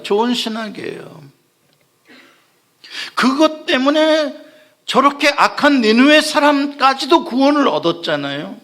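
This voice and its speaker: A man's voice: sits high, fairly bright tone. A man preaching a Sunday sermon as pastor, asking the congregation questions and acting out the lines he quotes. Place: church sanctuary.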